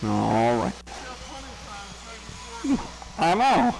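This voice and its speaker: A man running the race-day announcements at an RC track, calling drivers and lineups in a brisk, chatty way. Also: mid-range voice, sing-song, gravelly, slight background noise, poor audio. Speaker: race director. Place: indoor RC raceway.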